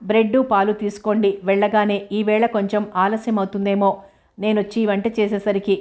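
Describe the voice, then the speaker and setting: A gentle, shy young nurse, read by a woman narrator in a storybook reading. Soft and caring, with an even, level voice that barely rises or falls. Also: mid-range voice, brisk, lightly acted.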